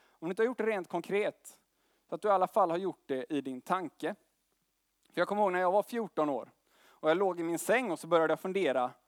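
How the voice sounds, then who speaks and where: Young male preacher, high voice, dry close sound, casual slangy sermon delivery. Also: animated, no echo. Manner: conversational preaching with slang and tag questions.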